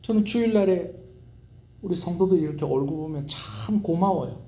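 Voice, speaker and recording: Brief: male pastor, midweek sermon, animated, mellow tone, echoey sanctuary. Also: high-pitched, normal speed, lo-fi sound. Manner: animated, asks the congregation questions. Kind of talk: Wednesday evening sermon. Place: church sanctuary. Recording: roomy church hall echo.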